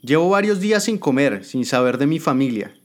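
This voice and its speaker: A man's voice: mid-range voice, very animated, a little fast, pitched above the performer's own voice, close to an everyday voice. A man voicing a frightened, captive woman adviser who protests and pleads, in a dramatic spoken story. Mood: pleading. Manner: pleading, indignant.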